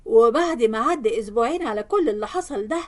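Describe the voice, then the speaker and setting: A woman's voice: fairly high pitch, expressive, fast talker. An Egyptian woman narrating a dramatic first-person family story. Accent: Egyptian Arabic.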